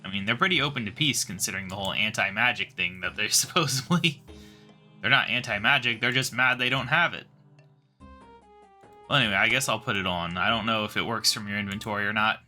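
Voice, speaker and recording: A man's voice: fairly low pitch, fairly quick, sharp tone, soft background music. A man giving wry, musing commentary over a game playthrough. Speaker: gaming video host. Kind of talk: casual let's-play commentary.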